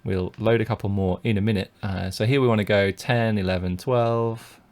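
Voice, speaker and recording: Here a British man who coaches poker offers relaxed commentary on his live-streamed tournament play, walking through each choice. He speaks at a moderate pace in a darkish, lower voice with fairly even intonation, thinking aloud amid frequent fillers and false starts.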